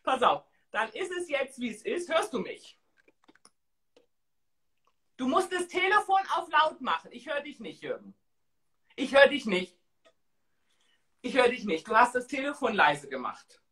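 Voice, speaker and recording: A woman in her forties hosting a casual live stream, chatting in an expressive, exclamatory way. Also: high-pitched, unhurried, pauses often. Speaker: host of a live-stream talk show. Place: small tiled room indoors.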